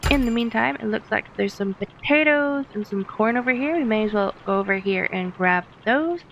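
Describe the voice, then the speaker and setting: A woman's voice: a little high, expressive, normal speed, creaky, fairly bright tone, dull audio, slight background noise. A woman hosting a let's play, giving casual commentary that is chatty and giggly as she thinks aloud through her game.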